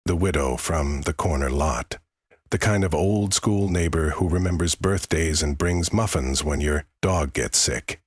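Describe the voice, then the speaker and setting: A man narrating a first-person story script in a grave, measured way. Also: a bass voice, breathy edge, no room sound, studio quality.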